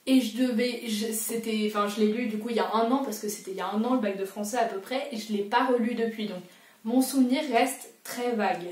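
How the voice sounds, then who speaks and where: A young woman with a slightly high, darkish voice speaks briskly and fairly evenly, heard from a distance in a roomy, echoing space. She's a booktuber chatting through a quiz in a casual, self-mocking vlog style, thinking aloud as she goes.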